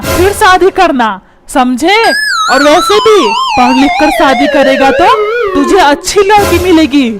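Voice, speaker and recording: Woman doing a squeaky cartoon dad, yelling threats, loud music under it. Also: exaggerated voice. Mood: scolding. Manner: scolding, shouting threats. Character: short-tempered middle-aged father, blustering and threatening. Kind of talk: comic cartoon dubbing. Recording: music playing loudly underneath.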